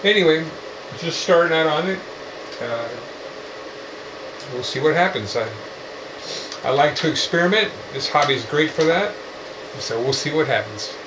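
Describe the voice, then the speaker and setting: A man's voice: fairly high pitch, lively intonation, echoey room. Man talking through a home radio project. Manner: halting, many fillers and restarts. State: out of breath. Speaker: amateur radio hobbyist. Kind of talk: casual filmed project walkthrough. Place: house, moving between rooms. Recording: dull lo-fi with clear noise.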